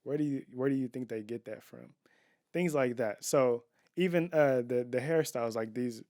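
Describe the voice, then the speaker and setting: A man's voice: medium pitch, moderate pace, mellow, dry recording, studio quality. A man co-hosting a casual couples podcast from home, talking in an opinionated, emphatic way. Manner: opinionated, emphatic, restarts and fillers. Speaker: podcast co-host. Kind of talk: casual chat.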